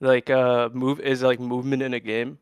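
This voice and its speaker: Young male co-host, smooth resonant voice, dry close sound, teasing jokey banter. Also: medium pitch, flat delivery, moderate pace, dry recording. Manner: teasing, goofy banter with swearing. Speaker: podcast co-host. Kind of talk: casual chat.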